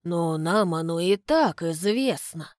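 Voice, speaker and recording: A woman voicing a courteous, shrewd middle-aged male butler who speaks in a measured, inquiring way. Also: on the low side, animated, darkish tone, no echo, clean studio sound. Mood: puzzled, polite.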